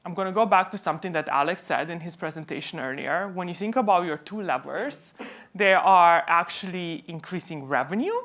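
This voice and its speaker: Presenting at a conference, a company co-founder from Romania whose first language is Romanian speaks a little fast in a low-pitched, somewhat bright voice. Her style is explanatory, raising questions and then answering them herself.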